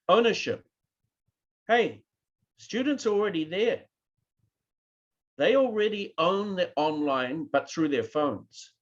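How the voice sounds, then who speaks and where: A keynote speaker with a New Zealand accent lectures an online conference audience, now and then asking them to react. His voice sits on the high side, and the recording has its highs cut off.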